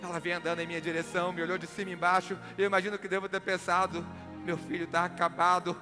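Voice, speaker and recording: A man's voice: high-pitched, racing. A man, telling a dramatic motivational story as a speaker and acting out the dialogue. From Brazil. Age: 30s. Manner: animated, acts out dialogue. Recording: background music.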